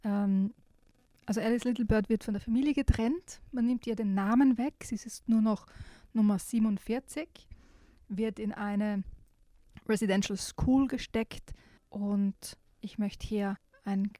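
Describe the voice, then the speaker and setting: This book reviewer discusses youth novels on the radio, speaking thoughtfully and conversationally with occasional restarts, and she reads an excerpt aloud. Her voice is mid-range, mellow, and fairly even, unhurried, with dry studio-quality sound.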